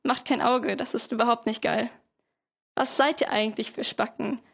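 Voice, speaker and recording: A woman's voice: a little high, fairly even intonation, moderate pace, gravelly, breathy edge. A teenage woman voicing a young male slang word who talks back in heavy youth slang, indignant. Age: teens.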